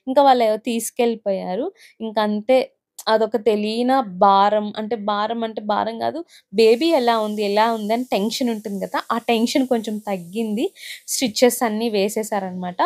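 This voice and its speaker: A young woman with a Telugu accent speaks in a fairly high voice. She tells her own story in a heartfelt, emotional way and fills it with many small fillers. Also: a little mellow. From India. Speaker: vlogger. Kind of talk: personal storytelling vlog.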